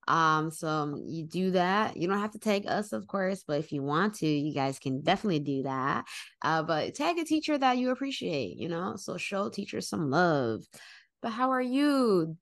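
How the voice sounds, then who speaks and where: A woman's voice: on the low side, sing-song, normal speed, no echo. A woman of about twenty-nine chatting informally as a podcast co-host, with "like" sprinkled through her talk. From not from New York. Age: around 29. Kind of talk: casual chat.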